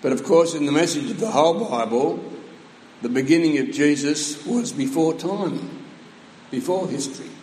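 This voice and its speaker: A man with a croaky voice from allergies, preaching a sermon with measured teaching and dry humor. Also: on the high side, darkish tone, a little hiss or hum. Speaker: pastor. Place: church hall. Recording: roomy hall with long reverb.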